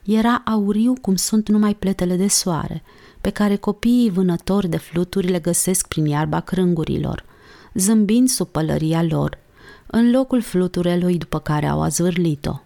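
A woman narrating a classic novel as an audiobook, calm and measured. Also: lowish voice, gravelly. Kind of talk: scripted narration.

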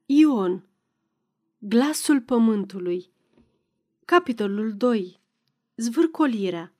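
A woman narrating a classic novel as an audiobook, measured and expressive. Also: a little high.

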